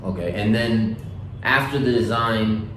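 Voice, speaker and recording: Male host, fairly low voice, casual explainer, roomy and noisy recording. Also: unhurried. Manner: restates and clarifies for viewers. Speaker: interviewer and host. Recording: roomy echo, clear background noise.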